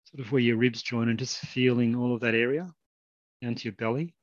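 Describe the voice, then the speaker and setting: A man leading a guided meditation in a slow, soft, calm way with long pauses. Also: mid-range voice, no room sound, muffled recording.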